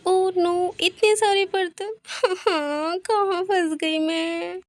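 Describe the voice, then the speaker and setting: A woman's voice: high-pitched, steady tone, a little slow, dark tone. A woman voicing a whiny young daughter-in-law. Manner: whiny, complaining. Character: lazy young elder daughter-in-law, complaining.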